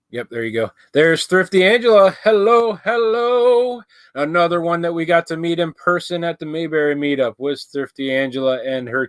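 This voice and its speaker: A man's voice: mid-range voice, clear, resonant tone, no room sound. A young adult man hosting a casual livestream from his RV, rambling, with many fillers and restarts. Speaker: livestream host. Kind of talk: casual live chat. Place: inside an RV.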